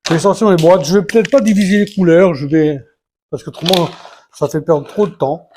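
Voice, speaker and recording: A Lego vlogger narrates his model build in an unhurried, homely way, his voice a little high for a man and a little mellow. He is hesitant, stumbling with many fillers and restarts, and counts pieces aloud, partly under his breath, in this casual live commentary. A bit of hiss or hum is present.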